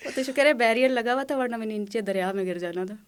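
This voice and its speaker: Lively higher-voiced woman tour guide. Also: smooth. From Khyber Pakhtunkhwa, Pakistan. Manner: lively storyteller, acts out quotes. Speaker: tour guide and trekker, podcast guest. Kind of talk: casual podcast interview.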